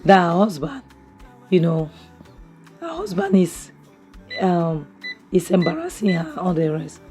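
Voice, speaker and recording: At home near a kitchen appliance, a woman vlogs a casual review recap of a drama episode, hoarse from a cough and losing her voice. She's chatty and opinionated, restarting often and saying "you know" a lot. Her voice is on the low side and sing-song, her pace unhurried, with music playing.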